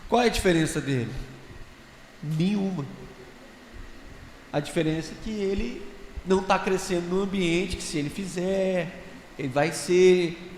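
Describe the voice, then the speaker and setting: A man with a fairly high voice talks casually on a church conference panel, spinning stories and putting rhetorical questions to the audience. His voice rings through a large, echoey hall with a long reverb tail. A faint ambient hum sits underneath. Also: moderate pace. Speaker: conference panelist sharing reflections.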